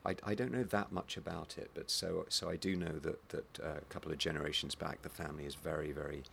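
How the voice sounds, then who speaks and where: Very deep, creaky Home Counties man. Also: fairly even intonation, fast, fairly bright tone, slight background noise. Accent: Home Counties English. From Hertfordshire, England. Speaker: stage actor being interviewed. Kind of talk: reflective interview conversation.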